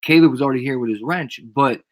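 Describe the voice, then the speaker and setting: A man's medium-pitched voice, recorded close with no room sound. He talks as a stream host in casual slang, often doubling up short phrases. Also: fast, dry recording. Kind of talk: casual chat.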